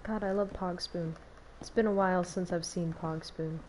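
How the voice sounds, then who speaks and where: A woman's voice: lowish voice, steady tone, normal speed, a little mellow, a little hiss or hum. A young woman giving casual gameplay commentary as a streamer, chatty and giggly, talking to herself. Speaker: game streamer.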